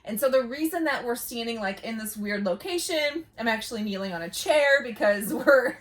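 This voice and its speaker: A woman's voice: on the high side, lively intonation, moderate pace. A woman hosting a vlog in casual, chatty style, recorded inside a small camper trailer. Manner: chatty, laughs easily while talking. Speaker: vlog host. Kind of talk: casual chat to camera.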